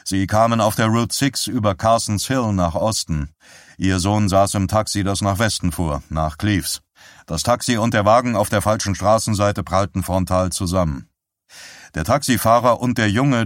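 A man's voice: lowish voice, no echo, studio quality, natural voice. A man doing a formal police sergeant. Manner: measured, formal, businesslike.

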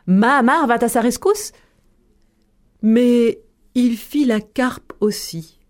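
A woman storyteller narrating a tale in a measured, expressive way. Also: on the high side.

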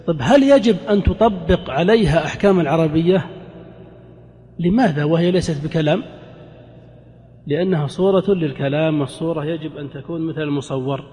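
Man, grammar teacher, high-pitched, questions the class and answers himself, slow repeated examples, reverberant lecture hall. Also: darkish tone. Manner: repeats examples slowly for emphasis.

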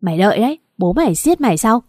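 A brutish, swearing ex-husband snarls threats in a coarse voice, as a woman reads him out. The voice is mellow and soft at its core, recorded dry and close. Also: mid-range voice, big pitch swings, fast, no echo. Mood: menacing. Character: brutish abusive ex-husband, young man.

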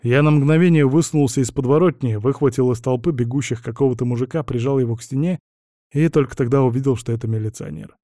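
A man narrating a first-person audiobook in a gruff, blunt, dramatic reading. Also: mid-range voice, fast, dark tone, no room sound, clean studio sound.

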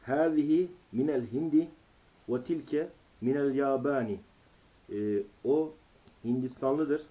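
Guy student reading n translating slowly word by word, husky mellow voice, dull old worn tape sound. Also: mid-range voice. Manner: halting, word-by-word delivery. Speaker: language student. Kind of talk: reading aloud and translating in a lesson. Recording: muffled old cassette tape.

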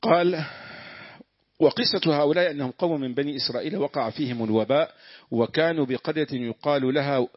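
A man's voice: on the high side, fast, dry recording, lo-fi sound. A man reading a classical commentary text aloud to his teacher.

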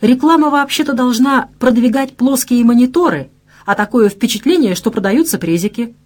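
Woman voicing a brash young office gossip, slangy, animated, audiobook. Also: fairly high pitch, normal speed, voice pushed up. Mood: gossipy.

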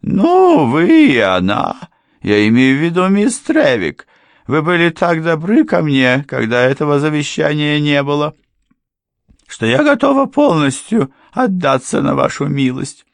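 A man reading an audiobook and voicing a frightened middle-aged woman housekeeper with a high, shrill, tearful voice. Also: big pitch swings, a little slow, creaky, no room sound, exaggerated voice. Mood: tearful pleading.

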